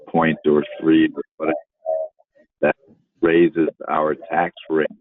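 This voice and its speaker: A man with an extremely low voice speaks slowly over a phone line that keeps breaking up. The sound is thin and tinny, dry with no room around it. He talks in halting, broken-off phrases as he dials into a meeting. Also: no room sound. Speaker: board member calling in remotely. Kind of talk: town board meeting discussion.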